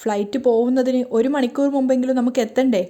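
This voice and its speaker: A woman's voice: sits high, steady tone, fast talker, warm tone, lightly acted. A woman voicing a worried, impatient young husband in a serial recap.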